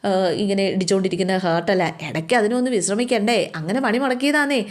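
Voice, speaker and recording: A woman's voice: mid-range voice, fast talker, natural voice. A woman doing a reassuring father in hospital. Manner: reassuring, joking to comfort. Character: middle-aged father in hospital, gruff then soothing.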